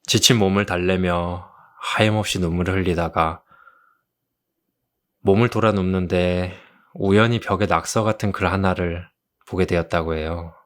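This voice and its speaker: A man doing an ASMR role-play as a kind therapist, speaking gently and consolingly like a tender romantic leading man. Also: sits low, fairly even intonation. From South Korea. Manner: gentle, consoling, slow storytelling. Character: kind, soothing male therapist comforting a patient. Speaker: ASMR role-play performer as a counseling doctor.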